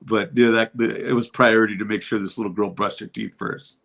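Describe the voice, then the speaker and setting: A man's voice: lowish voice, brisk, gravelly. A man co-hosting a casual podcast chat, telling stories with lots of laughter and casual swearing. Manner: laughs often, swears casually, animated storyteller. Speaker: podcast co-host.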